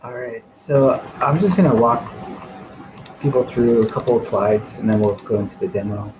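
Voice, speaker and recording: Man presenter on a video call, mid-pitched, faint hiss behind, casual and filler-heavy. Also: steady tone, normal speed. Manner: conversational, with frequent fillers. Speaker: guest presenter. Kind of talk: online meetup presentation. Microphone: home computer microphone on a video call.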